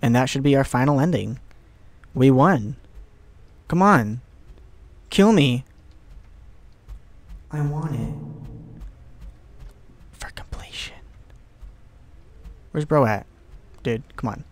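A man's voice: mid-range voice, animated, slow, pauses often, no room sound. Young guy doing a lets play, gets worked up, swears, mutters to himself. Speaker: let's play gamer. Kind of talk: casual horror game commentary.

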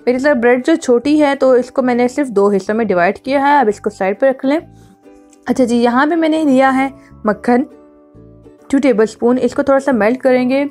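A woman narrates a home cooking tutorial over faint background music. Her voice sits a little high, and she explains each step in a chatty, instructive manner, going back over her points. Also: brisk, darkish tone. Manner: chatty, instructive, repeats herself. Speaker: cooking channel host.

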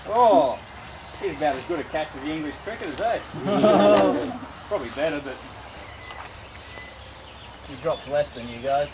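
Australian man, crocodile keeper, high voice, joking tour patter, shouted coaxing calls, outdoor camcorder audio with clear background noise. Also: lively intonation, a little slow, pauses often. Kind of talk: casual guided tour talk. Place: outdoor crocodile farm enclosure. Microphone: tourist's handheld camera at a distance.

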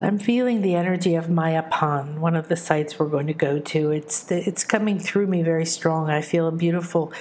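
A woman speaking as a spiritual guide, giving a meditative talk in a gentle, soothing, instructive manner. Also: low-pitched, normal speed, few pauses, slight background noise.

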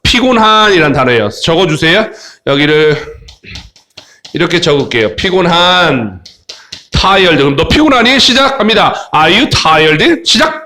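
Lively, playful man teaching English. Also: measured pace. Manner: playful, jokey, mimics kids in high squeaky voices. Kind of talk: children's English lesson.

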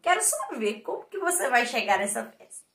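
A woman's voice: on the high side, big pitch swings, fairly quick, fairly bright tone, voice pushed down. A woman with a Brazilian accent voicing a grumpy, boastful male vulture musician in a children's story, in a mock-stern, scolding tone. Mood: gruff. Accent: Brazilian Portuguese. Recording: echoey room.

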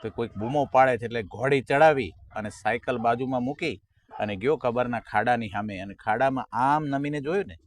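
A man, a folk stand-up comedian who tells jokes and acts out his characters' lines. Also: mid-range voice. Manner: storytelling, acting out characters' lines; sings short folk song lines slowly.

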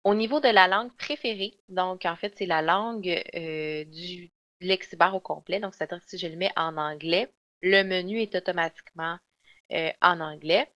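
Woman, software webinar trainer, hesitant fillers, dull lo-fi online audio. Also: lowish voice, moderate pace. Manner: explanatory, with frequent fillers and restarts. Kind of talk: webinar presentation.

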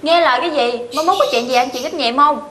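A woman's voice: high-pitched, quick pace, a bit bright. A woman in her twenties with a southern Vietnamese accent, acting a stubborn, blunt bride-to-be in a comedy skit, insistent and fretful. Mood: annoyed. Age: 20s. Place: indoors, tiled rooms. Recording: echoey room with clear noise.

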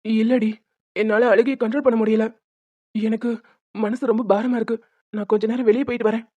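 A woman's voice: high voice, fairly quick, a little mellow, dull audio, lightly acted. A woman voicing a young grieving husband and doting father in a cartoon, speaking in an emotional, tearful, pleading way. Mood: sad. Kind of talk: cartoon voice acting.

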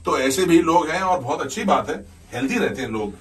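A man's voice: on the high side, expressive, fairly quick, a bit bright, far from the mic. Chatty man in a cable car. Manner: chatty, jokey, pointing out the views. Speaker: travel show co-host. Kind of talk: travel vlog chat. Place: inside a cable car high up.

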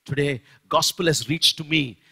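A man with an Indian English accent preaches in church with an emphatic, swooping delivery. His voice sits high and bright, with a slightly husky edge, and now and then it climbs almost to a shout. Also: normal speed. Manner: emphatic, rising to shouts on key phrases. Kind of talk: sermon.

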